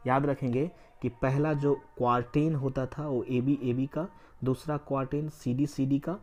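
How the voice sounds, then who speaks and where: A man's voice: medium pitch, fairly even intonation, a little slow, darkish tone. A male teacher giving an exam-prep literature lesson in Hindi mixed with English, asking a question and answering it himself again and again. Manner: repeats points as quiz questions and answers them; spells out words letter by letter.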